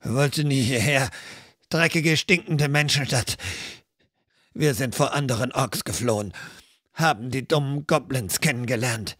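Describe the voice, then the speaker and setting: A man's voice: medium pitch, unhurried, fairly bright tone, dry recording, clean studio sound. A man voicing a bitter, resentful young male orc in a fan audiobook. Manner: grumbling, spiteful.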